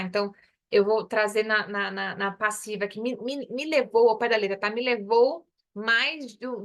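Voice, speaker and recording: Female English teacher, fairly high voice, patient explainer who drills phrases aloud. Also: sharp tone. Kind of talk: online language lesson.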